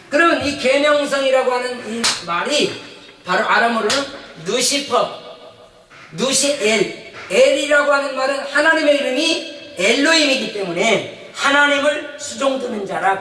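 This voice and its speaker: A male pastor giving an animated sermon in a church, questioning the congregation as he tells stories. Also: extremely high pitch, normal speed, slight background noise. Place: church sanctuary. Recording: echoey church hall, mic from a distance.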